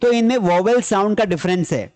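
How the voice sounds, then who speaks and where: A man's voice: high voice, expressive, fairly quick, a little mellow. A man teaching a grammar class, repeating key points and asking questions he answers himself. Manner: repeats key points, explains in Hindi mixed with English terms. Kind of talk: classroom lecture.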